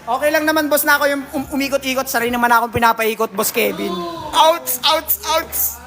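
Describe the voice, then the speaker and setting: A man's voice: very high-pitched, little pitch movement, very fast. A man with a Filipino accent hosting a casual livestream, reading out viewer comments in a jokey, teasing way and laughing often. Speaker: livestream host at a billiards hall.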